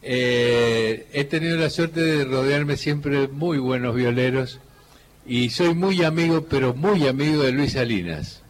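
Speaking in a mid-range voice with the accent of Cuyo, Argentina, where he is from, this man is a folk guitarist and singer being interviewed. He spins stories at an easy pace in a relaxed chat, quoting other people and humming lines along the way.

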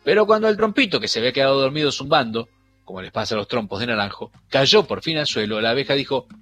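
Expressive male storyteller over soft music. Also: mid-range voice, quick pace. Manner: expressive, dramatic. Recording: faint music behind.

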